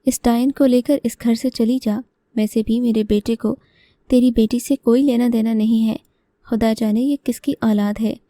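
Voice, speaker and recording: A woman's voice: a little high, fairly even intonation, mellow, no echo, clean studio sound, lightly acted. A woman voicing a harsh, scornful older mother-in-law in a told story, with a scolding, contemptuous manner.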